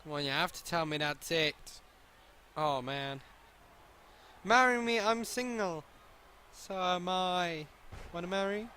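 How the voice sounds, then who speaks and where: Bright, high-voiced excitable male streamer. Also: slow, pauses often, a little hiss or hum. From continental Europe, outside the British Isles. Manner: excitable, joking, swearing freely. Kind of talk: live gameplay commentary and chat replies.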